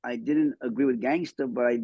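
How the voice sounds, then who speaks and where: A man's voice: medium pitch, steady tone, no echo, highs cut off. A man in his fifties who grew up in Mexico, telling his life story as a podcast guest in a casual, repetitive way. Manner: fast, repeats words as he talks.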